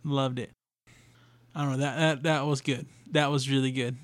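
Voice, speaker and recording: Rambling podcast host, smooth voice. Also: male voice, mid-range voice, fairly even intonation, normal speed, no echo. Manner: rambling, with fillers and restarts. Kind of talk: casual solo podcast review.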